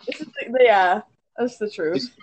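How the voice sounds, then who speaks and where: A woman's voice: mid-range voice, lively intonation, slight background noise. Exasperated woman herding friends in improv. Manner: bossy, exasperated, fast and overlapping. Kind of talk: improv comedy over a call.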